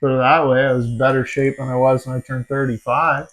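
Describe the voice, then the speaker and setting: This man in his forties talks fast in a medium-pitched voice while hosting a podcast, and the recording is rough. He spins animated stories in a casual way, full of swearing and frequent uses of "dude."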